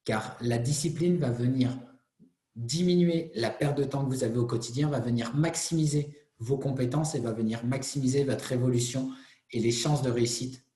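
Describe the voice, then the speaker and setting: A man gives a motivational talk in a mellow, relaxed voice. He speaks earnestly, comes back to the same phrases and sometimes restarts a word. The recording has a noticeably roomy echo. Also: medium pitch. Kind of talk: motivational presentation.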